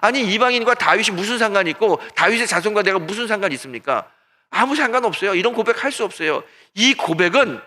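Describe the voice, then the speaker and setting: Male pastor, high bright voice, dramatic Sunday sermon delivery, drops to a hush and rises to loud peaks. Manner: dramatic storytelling, acting out voices; swings between hushed and loud. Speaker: senior pastor.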